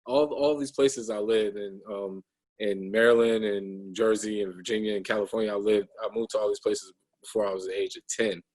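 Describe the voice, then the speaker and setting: A man's voice: on the low side, steady tone, a little fast, darkish tone, rough recording. A man in his thirties, a guest talking casually over a video call, hesitant, with many ums and restarts. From United States. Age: 30s.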